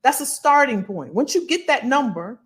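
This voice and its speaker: A woman hosting a casual livestream as a financial coach, animated and colloquial, repeating phrases for emphasis. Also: high voice, normal speed. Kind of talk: casual livestream talk to viewers.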